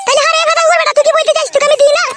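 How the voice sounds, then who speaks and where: Female actor as very high, rapid scolding wife; noisy lo-fi. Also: flat delivery. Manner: shrill scolding, rapid insults. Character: nagging scolding young wife, sharp-tongued. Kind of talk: adult comedy cartoon dubbing.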